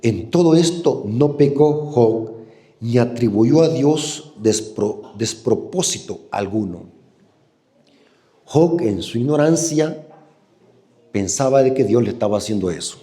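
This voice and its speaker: A man with a Salvadoran Spanish accent preaching a sermon, animated and often asking the congregation questions. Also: medium pitch, slow pace.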